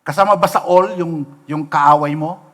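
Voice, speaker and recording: A man's voice: on the high side, steady tone, moderate pace, fairly bright tone. A middle-aged Filipino man preaching in church, telling stories and asking the congregation rhetorical questions, slipping in English phrases. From Philippines. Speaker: pastor. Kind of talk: sermon. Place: church sanctuary, livestream.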